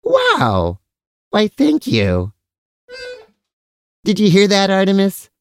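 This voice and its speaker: A man's voice: high voice, wildly swooping pitch, slow pace, gravelly, full character voice. A man playing a cheerfully oblivious, food-loving brother who is vain about his mustache, in a comic audio drama. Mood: vain, pleased. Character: mustache-proud, food-loving, easily distracted silly brother.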